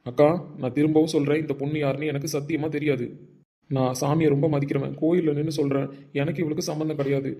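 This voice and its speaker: A young man with a mellow, dark voice acting in a melodramatic drama, firing off angry denials at a very fast pace. His pitch sits a little high for a man. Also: flat delivery. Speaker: actor in a short web drama. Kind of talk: melodramatic short-film acting.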